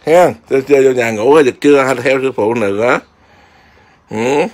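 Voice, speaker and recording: A man's voice: mid-range voice, moderate pace, darkish tone. A man, a Buddhist monk, chatting casually outdoors in his garden and keeps asking his viewers whether they see. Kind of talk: casual home vlog.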